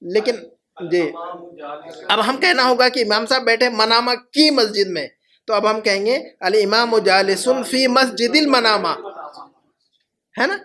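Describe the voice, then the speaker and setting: High-voiced man teaching in a classroom. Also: bright, forceful tone. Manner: patient, repeats each phrase slowly. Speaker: Arabic teacher. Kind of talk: classroom lesson.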